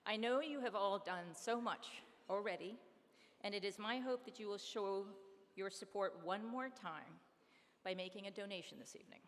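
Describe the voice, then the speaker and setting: Woman calling a charity auction in a hall. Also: medium pitch. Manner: brisk number calling, upbeat and coaxing. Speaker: charity auctioneer and fundraiser host. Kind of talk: live auction calling and fundraising appeal. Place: large hall at an awards dinner. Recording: long reverb hall, faint room noise.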